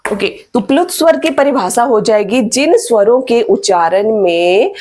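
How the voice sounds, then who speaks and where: Higher-voiced woman teaching slowly. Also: lively intonation, a little mellow, faint music behind. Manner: slow, repeats definitions for dictation. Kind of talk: online grammar lesson.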